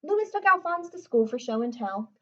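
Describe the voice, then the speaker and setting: This woman's fairly high voice is sing-song, bright, and forceful, and she talks briskly, though the recording cuts off the highs. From the floor of her home, she reads a picture book aloud, adding chatty asides and plain explanations aimed at young children.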